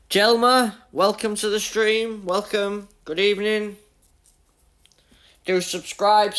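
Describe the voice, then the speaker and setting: While he plays a racing game live, a young man with a Yorkshire accent chats and jokes with viewers, greeting them by name, laughing often and ribbing his own bad luck. His slightly bright voice sits a little high for a man, and his talk is relaxed and matey.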